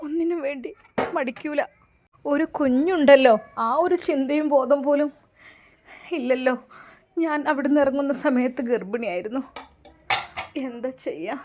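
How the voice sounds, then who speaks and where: A woman voicing a hushed, grieving older woman. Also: high voice, normal speed, pauses often, lightly acted. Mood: hushed, bitter. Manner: hushed, subdued.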